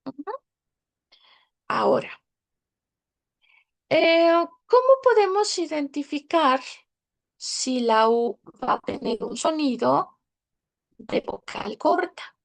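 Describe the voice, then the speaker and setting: Patient high-voiced teacher with gravelly fry. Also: female voice, animated. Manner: patient, repeats words slowly and checks understanding. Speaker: language teacher. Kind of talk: online class teaching.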